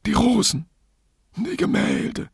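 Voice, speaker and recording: A man's voice: sits high, huge pitch swings, takes it slowly, gravelly, breathy edge, dry recording, studio quality, voice pushed up, heavily acted. Male reader doing a blind schemer: raised, whiny, self-pitying voice. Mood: plaintive. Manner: plaintive, martyred.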